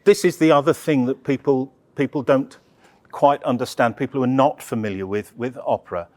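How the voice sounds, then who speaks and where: A man presenting an opera project, answering audience questions in a chatty, halting way with many restarts. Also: mid-range voice, steady tone, darkish tone. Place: live talk session.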